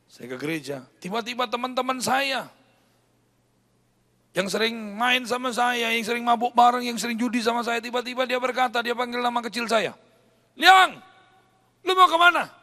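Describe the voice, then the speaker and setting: A pastor, preaching a sermon with personal testimony, dramatic and swinging from hushed to loud. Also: male voice, very high-pitched, brisk. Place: church service.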